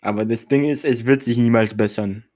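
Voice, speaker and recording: A man's voice: mid-range voice, fairly even intonation, brisk, darkish tone. A young man co-hosting a casual podcast, talking in a self-mocking, slangy way with English words mixed in. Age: teenager or young adult. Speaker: podcast co-host.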